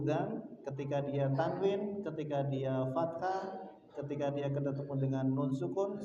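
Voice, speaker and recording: A man's voice: mid-range voice, warm tone. A man with an Indonesian accent teaching Quran pronunciation to a class, patiently drilling letter sounds aloud for students to repeat. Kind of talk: mosque class lesson. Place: mosque hall. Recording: echoey mosque hall, distant dull sound.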